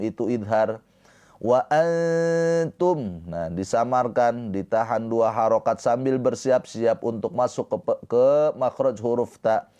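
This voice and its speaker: A man teaching Quran recitation rules in a slow, patient lesson, chanting verse phrases and then explaining them. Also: mid-range voice, dark tone, clean tone. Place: live-streamed lesson.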